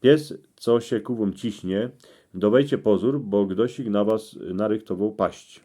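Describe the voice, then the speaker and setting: A man with a Cieszyn Silesian accent reading out interpretations in dialect, in terse phrases with pauses. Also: fairly low pitch, mellow. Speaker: presenter explaining dream meanings.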